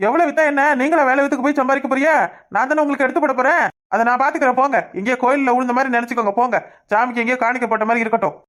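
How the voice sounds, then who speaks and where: A woman voicing a man of the house who calms everyone down, repeating himself, in a southern Tamil Nadu accent. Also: sits high. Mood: dismissive. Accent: southern Tamil Nadu dialect. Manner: rapid, calming, repeats words. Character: man of the house, uncle figure, peacemaking.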